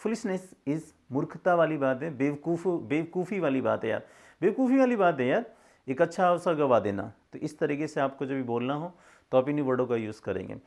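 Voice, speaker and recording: A middle-aged man teaching English, reading sentences slowly and explaining them in Hindi. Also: mid-range voice, gravelly, a little mellow. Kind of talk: casual spoken English lesson.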